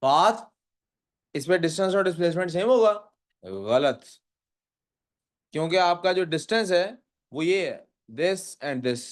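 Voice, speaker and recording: A man's voice: sits high, lively intonation, measured pace, long pauses. A man teaching a physics class. He reads questions out in English, explains them in Urdu and keeps quizzing his students. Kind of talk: classroom lecture.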